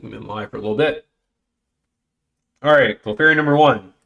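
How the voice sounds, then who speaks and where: A man's voice: mid-range voice, a little fast, creaky, fairly bright tone, highs cut off. A man hosting a casual livestream, chatting and muttering to himself with little exclamations as he sorts through items. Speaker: host. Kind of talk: casual livestream chat while sorting cards.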